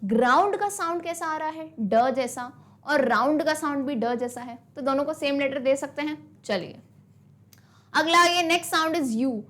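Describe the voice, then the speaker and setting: High-voiced brisk woman teacher. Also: a bit bright. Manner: brisk, encouraging, calls students "beta"; switches between Hindi and English, reads English lines slowly. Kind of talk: online exam-prep lesson.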